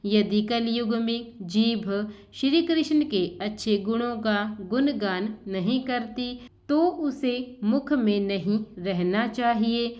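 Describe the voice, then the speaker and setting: A woman narrates a devotional scripture at an unhurried, measured pace. Her voice sits a little high. She recites each line in a steady, even manner. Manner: slow, even recitation of sacred text. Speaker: scripture reader.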